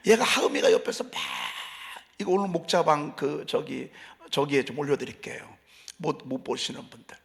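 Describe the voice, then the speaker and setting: A middle-aged pastor with a gravelly, fairly high voice speaks at normal speed during a dawn sermon in a church sanctuary. He keeps it conversational, asks the congregation questions, and swings from loud emphasis down to almost a whisper.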